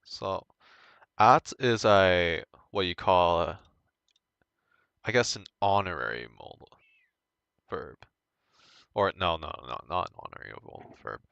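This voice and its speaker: A young man giving an informal language lesson, thinking aloud in a halting way and correcting himself as he goes. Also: sits low, lively intonation, creaky, fairly bright tone, clear, resonant tone, dry recording, muffled recording. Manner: hesitant, halting, self-correcting. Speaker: language tutor.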